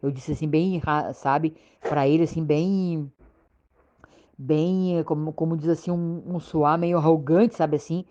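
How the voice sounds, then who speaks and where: A woman with a Southern Brazilian accent from Rio Grande do Sul, telling a frightening personal story in a halting, repetitive way, often checking in with her listener. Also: low voice, steady tone, mellow. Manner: halting, repetitive, keeps asking "sabe?". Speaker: storyteller recounting a frightening experience. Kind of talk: casual spoken personal account. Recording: dull lo-fi recording.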